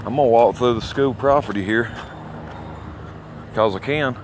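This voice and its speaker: Strolling small-town streets, a man from Alabama, United States, rambles on in a folksy, boastful, crude way for his amateur vlog. He has a mid-range voice, normal speed, and an Alabama Southern accent. Background traffic and passing vehicles make the outdoor audio noisy.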